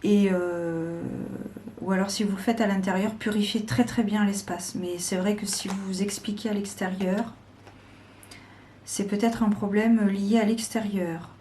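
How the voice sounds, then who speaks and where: A woman giving a slow, deliberate weekly tarot guidance, with frequent pauses and hesitations. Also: medium pitch, fairly even intonation, warm tone, slight background noise. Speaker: tarot reader.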